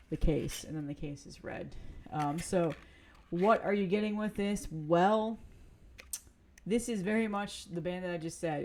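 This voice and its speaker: A woman's voice: deep voice, a little mellow. A woman vlogger chatting casually to camera, rambling with fillers and restarts as she shows off cassettes. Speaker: music vlogger reviewing cassettes. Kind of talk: casual chat.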